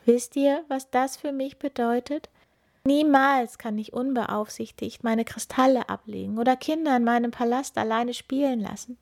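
A woman's voice: fairly high pitch, normal speed, creaky, a little mellow, voice pushed up. A woman voicing a sorrowful, anxious ice queen with a lifted, pleading tone.

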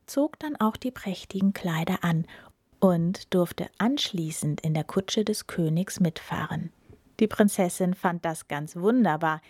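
A woman's voice: fairly low pitch, breathy edge, no echo, studio quality. Woman whispering a fairy tale. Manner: soft, unvoiced whisper. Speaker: storyteller. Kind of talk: whispered storytelling.

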